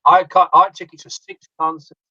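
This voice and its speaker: A man talking over a video call that keeps breaking up, speaking in a halting way with restarted sentences in casual chat. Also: high voice, level tone, pushed and bright, no room sound, muffled recording. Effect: video call audio that breaks up.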